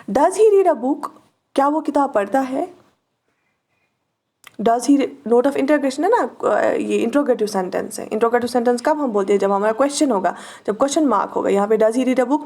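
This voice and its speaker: A woman teacher with a Kashmiri accent, speaking in a fairly high but mellow voice. She reads each example sentence slowly and repeats it for drilling. She keeps checking that her students follow along. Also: vocal fry. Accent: Kashmiri-accented Hindi-Urdu. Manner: checks understanding with short questions. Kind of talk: online exam-prep lesson.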